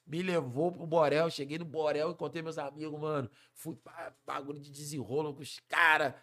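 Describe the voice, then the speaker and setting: A man, a funk singer telling a story as a podcast guest, slangy and animated, acting out the voices of the people in it. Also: a little high, moderate pace. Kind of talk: storytelling in a casual podcast chat.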